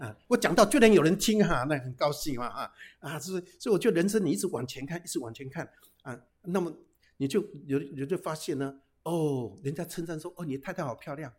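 A middle-aged man, a pastor, giving a humorous sermon, telling lively anecdotes peppered with casual tag particles and English phrases. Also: fairly high pitch, a little fast, husky. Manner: lively storytelling with frequent "哈" tags and English phrases.

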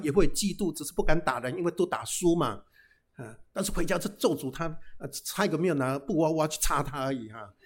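A middle-aged man, a pastor, giving a humorous sermon, telling lively anecdotes peppered with casual tag particles and English phrases. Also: a little high, slightly rough. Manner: lively storytelling with frequent "哈" tags and English phrases.

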